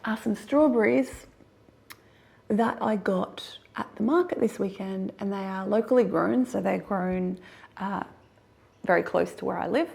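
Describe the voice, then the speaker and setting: An Australian woman talks casually to camera in a husky, hoarse voice. Her delivery has a heavy gravelly fry running through it, at a middling pitch. She is chatty and self-deprecating, laughing easily between thoughts. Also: unhurried, a little mellow. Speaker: gardening vlogger.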